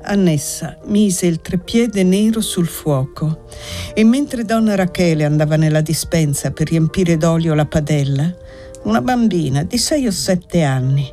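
A woman narrating a literary audiobook in a measured, deliberate way. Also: lowish voice, dark tone. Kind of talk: audiobook reading.

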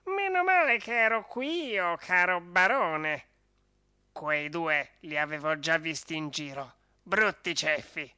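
A storyteller voicing a tough little dog with a fang, a gruff brawler who growls out swaggering threats. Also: medium pitch, lively intonation, slow pace, pushed and bright, no echo, studio quality. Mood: reassuring. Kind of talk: storybook reading.

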